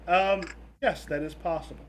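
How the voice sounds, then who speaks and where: A man acts as game master, improvising narration for a tabletop game in an informal, halting manner. His voice sits a little high for a man. Faint noise runs through the recording. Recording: noisy room recording.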